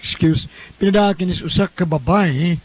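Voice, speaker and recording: A man with a Cebuano Filipino accent hosts a radio show, greeting listeners chattily, addressing them directly and introducing letters he reads. His voice is high-pitched and a little mellow, at normal speed.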